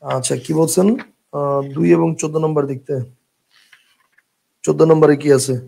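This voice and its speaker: A man's voice: a little high, steady tone, vocal fry, dark tone. A man teaching an online spelling class, explaining rules through many examples and often checking that students follow. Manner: repeats words slowly to drill spelling.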